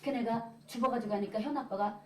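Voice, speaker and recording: A woman's voice: on the high side, brisk. A woman evangelist giving a church testimony and telling her story with acted-out dialogue. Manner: lively storytelling, acting out dialogue. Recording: echoey, from a distance.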